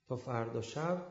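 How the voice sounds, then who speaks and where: A man preaching a storytelling sermon, acting out the people in it and swinging from hushed asides to loud emphasis. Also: mid-range voice, gravelly. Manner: animated, acts out quoted speakers. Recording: echoey dull lo-fi room sound.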